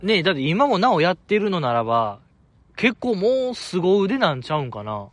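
A man's voice: high voice, sing-song, normal speed, dry recording. A man with a Kansai accent hosting a casual solo talk show, reading listener messages in a chatty, self-deprecating way. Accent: Kansai Japanese. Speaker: radio show host reading listener mail.

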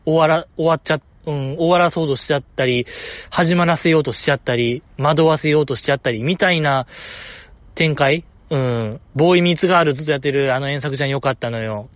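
A man hosting a podcast, chatting casually on his own in a rambling, animated way. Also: a little high, a little fast, no room sound, muffled recording. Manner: rambling, animated, with frequent laughs. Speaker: podcast host. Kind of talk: casual solo chat.

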